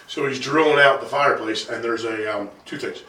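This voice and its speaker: Fast-talking, bright-voiced male podcast host. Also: medium pitch, reverberant, far from the mic. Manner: quick, energetic storyteller. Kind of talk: casual interview chat.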